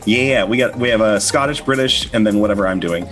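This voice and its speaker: A man's voice: on the low side, fairly quick, fairly bright tone, soft background music. A man hosting a casual livestream chat, rambling with fillers and easy laughs. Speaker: host.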